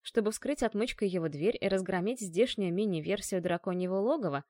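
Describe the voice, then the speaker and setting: A woman narrating a fantasy audiobook in an animated storytelling manner. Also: medium pitch, brisk, no room sound. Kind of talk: expressive fantasy audiobook reading.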